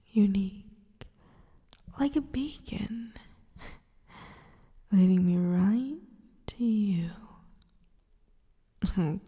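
A cruel, gloating succubus, as a woman acts her out breathes out each taunt in a dark, gravelly whisper, so breathy it is nearly all air. She drags every phrase out slowly, and a long hall reverb trails behind her. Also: medium pitch, full character voice. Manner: whispers almost every line, slow and taunting. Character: predatory teasing female succubus, cruel and gloating. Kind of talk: erotic audio roleplay.

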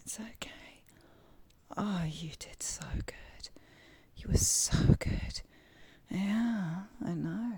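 A woman whispering intimately in an audio roleplay, with soft moans between her lines. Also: fairly low pitch, slightly rough.

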